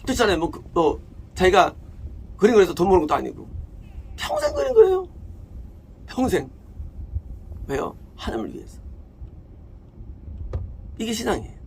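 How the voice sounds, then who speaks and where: Korean pastor preaching, high voice that swings all over, gravelly edge, keeps asking and answering himself. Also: male voice, big pitch swings, brisk, long pauses, a little hiss or hum. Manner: emphatic, asks questions and answers them himself. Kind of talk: sermon. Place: church.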